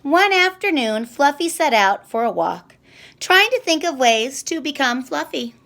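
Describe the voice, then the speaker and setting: A woman reading a children's picture book aloud, slow and expressive. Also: high-pitched. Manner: slow, expressive, sing-song. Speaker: storyteller.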